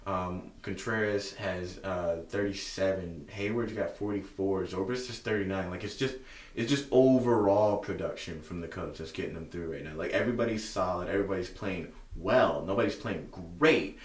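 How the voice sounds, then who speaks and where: Low-voiced man, echoey and distant. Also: moderate pace. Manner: rambling, filler-heavy, reads stats aloud. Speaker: podcast co-host. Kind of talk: casual sports chat. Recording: echoey room, distant from mic.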